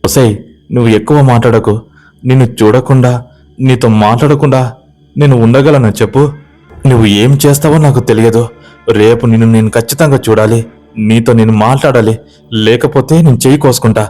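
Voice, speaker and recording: A man's voice: mid-range voice, steady tone, soft background music, natural voice. A man voicing a desperate, hot-headed young village man in a spoken ghost story. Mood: angry. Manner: pleading, demanding, quick to shout.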